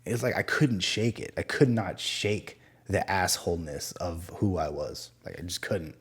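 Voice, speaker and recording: A man's voice: low-pitched, expressive, unhurried, husky. A man hosting a podcast, telling his own story in a candid, profane, self-reflective way with lots of fillers. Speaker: podcast host. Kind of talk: casual personal storytelling.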